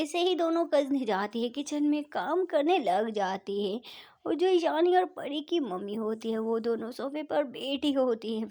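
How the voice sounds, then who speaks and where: High-voiced woman telling a story. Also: darkish tone. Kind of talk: casual story narration.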